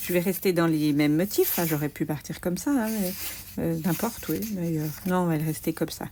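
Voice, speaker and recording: A woman calmly explaining a card-making craft step by step, with little asides as she works. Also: on the low side, a little hiss or hum. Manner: slow, explaining each step aloud, small "hop" asides. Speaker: craft demonstrator.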